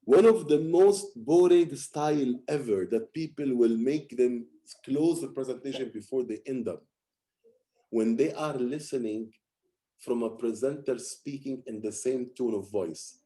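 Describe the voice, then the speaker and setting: A young man coaching an audience on presentation skills, his voice mellow and warm. He speaks with emphatic energy and often repeats words as he works through a point. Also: mid-range voice, unhurried. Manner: animated, emphatic, repeats words while explaining. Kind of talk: teaching talk on presenting.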